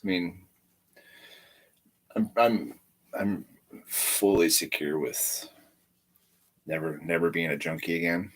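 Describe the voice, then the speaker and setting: A man's voice: deep voice, fairly even intonation, slow pace, long pauses. A man with a stuffy nose chatting casually on a live stream, rambling and repeating his words.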